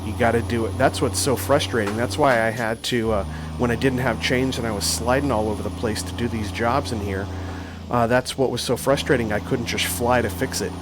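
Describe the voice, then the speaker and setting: A man's voice: mid-range voice, steady tone, a little fast, background noise. A man casually commenting on his truck-driving gameplay, rambling with frequent ums and restarts as he plays. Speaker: gaming channel host.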